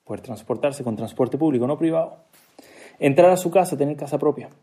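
A man's voice: fairly high pitch, fairly quick, warm tone. A man giving a storytelling religious talk, acting out the dialogue he quotes and making joking asides to his listeners. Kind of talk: storytelling sermon.

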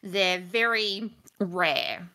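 A woman's voice: on the low side, lively intonation, drawn-out words, bright, forceful tone. A young woman co-hosting a casual podcast, telling rambling stories and laughing often. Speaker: podcast co-host. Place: recording studio.

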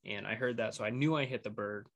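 A man with a fairly low, somewhat bright voice talks quickly as he co-hosts a podcast. He recounts a hunt of his in a loose, rambling way, full of fillers and restarts, in the style of casual storytelling.

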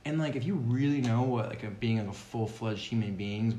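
A man talking casually about spirituality, rambling and excitable, swearing now and then. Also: medium pitch, fairly quick, reverberant.

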